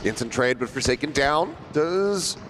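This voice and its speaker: A man working as an esports caster, giving dramatic, flowing, excited play-by-play commentary on a live match. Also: medium pitch, measured pace, soft background music.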